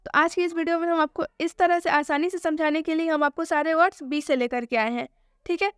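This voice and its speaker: A woman's voice: very high-pitched, steady tone, fairly quick, dry recording, studio quality. A woman teacher gives a pronunciation lesson over on-screen words, posing questions and answering them herself. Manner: repeats key points as questions and answers them. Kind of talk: screen-based video lesson.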